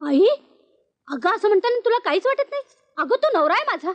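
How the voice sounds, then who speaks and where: Film role: a loyal young wife, pleading, high voice. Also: female voice, very animated, fairly quick, a bit bright, full character voice. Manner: pleading, reproachful. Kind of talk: film acting.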